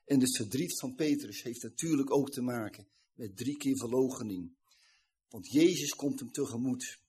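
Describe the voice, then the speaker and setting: Husky-voiced man preaching a sermon. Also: mid-range voice, normal speed, warm tone. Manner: earnest, retelling scripture with quoted dialogue.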